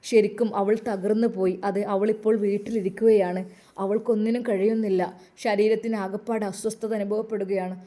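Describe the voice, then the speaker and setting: A woman with a Malabar Malayalam accent tells a dramatic story, pressing on key words and pausing for effect. Her voice sits mid-range for a woman. She gives every character's lines herself. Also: mid-range voice, flat delivery, warm tone. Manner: emphatic, repeats "athe" often.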